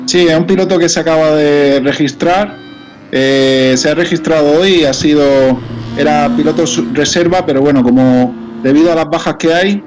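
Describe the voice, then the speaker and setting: A man's voice: a little high, moderate pace, darkish tone. A man giving conversational racing commentary as a co-commentator. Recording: car engine noise behind.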